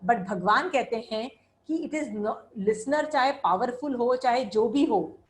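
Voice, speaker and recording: A woman's voice: on the high side, lively intonation, takes it slowly, a little hiss or hum, low-quality recording. A middle-aged woman giving an earnest religious lecture, mixing Hindi and English and teaching through personal anecdotes.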